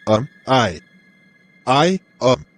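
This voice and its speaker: A man's voice: medium pitch, very animated, extremely slow, no echo, full character voice. A man playing a nervous, guilty worker. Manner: hesitant, apologetic, stumbling. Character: guilty, nervous church worker confessing to his boss. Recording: loud music behind.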